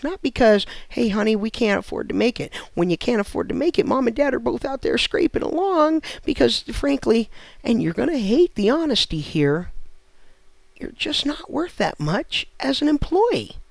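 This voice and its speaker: Male host, comic rant, gravelly, dry close sound. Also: very high-pitched, very animated, moderate pace, no room sound. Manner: blunt, lecturing, sarcastic. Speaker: host ranting to camera.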